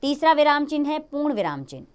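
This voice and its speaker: A young adult woman teaching a grammar lesson to children, slowing down to read out the example sentences. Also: high-pitched, sing-song.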